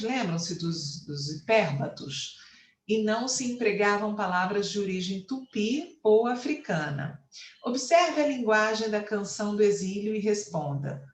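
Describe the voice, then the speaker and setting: Slow, patient woman teacher, echoey room. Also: mid-range voice, expressive. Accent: Brazilian Portuguese. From Brazil. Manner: slow, patient explaining, counts syllables aloud. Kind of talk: online class lecture.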